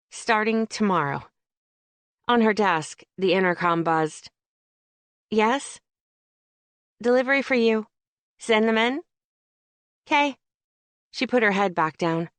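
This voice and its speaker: Wry, low-voiced woman narrator. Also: a bit bright, no echo. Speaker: audiobook narrator. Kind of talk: scripted narration.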